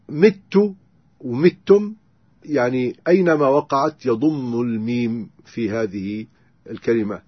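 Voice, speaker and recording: A man lectures methodically on Quran readings, stopping now and then on a filler sound. His voice is husky and dry, with no room sound around it. The recording is a little dull. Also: medium pitch, no room sound. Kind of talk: explanatory lecture.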